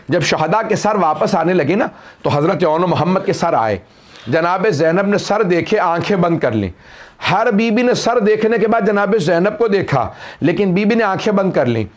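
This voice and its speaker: A man's voice: high-pitched, lively intonation, unhurried. A middle-aged man, a Shia cleric, recites a mourning sermon and rises to wailing peaks in the quoted lines.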